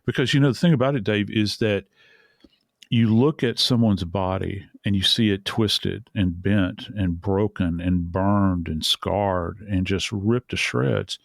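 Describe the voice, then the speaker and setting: A low, gravelly-voiced man talks through a true crime case in an earnest, drawn-out way. He stops and restarts often as he searches for words. The sound is dry and close. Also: dry recording. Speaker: forensic expert co-host. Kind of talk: true crime podcast discussion.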